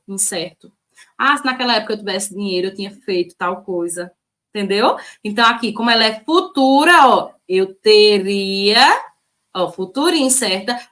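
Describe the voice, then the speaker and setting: A bright-voiced woman leads an online exam-prep lesson. Her voice sits a little high, and she keeps up a chatty, lively manner, often drawing out the key words. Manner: lively, chatty, frequent "ó" and "né", drawn-out stressed words. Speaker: Portuguese teacher.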